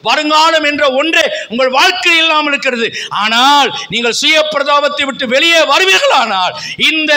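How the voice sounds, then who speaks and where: A man's voice: very high-pitched, bright, forceful tone. A middle-aged male pastor preaching a fervent sermon in a church, with repeated calls and rising emphasis. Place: church sanctuary.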